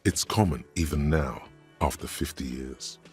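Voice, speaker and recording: A grave, sardonic narrator of a detective video game. His voice sits extremely low, rumbling and slow as he dryly describes the scene. Quiet game music plays under him.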